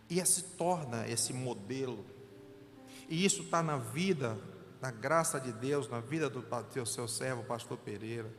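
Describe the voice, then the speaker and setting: A man's voice: mid-range voice, in a large hall. A man, a pastor preaching a sermon with an earnest, emotional personal testimony. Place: church sanctuary.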